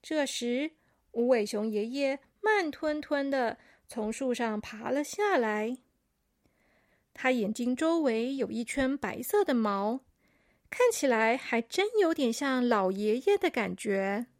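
A woman gently narrating a children's story, recorded close to the mic. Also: on the high side, animated, takes it slowly, no echo.

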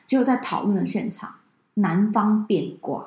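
A woman, co-hosting a podcast and telling a story in an animated, indignant way, swearing now and then. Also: mid-range voice, normal speed, echoey room. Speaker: podcast co-host. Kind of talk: casual chat, personal storytelling.

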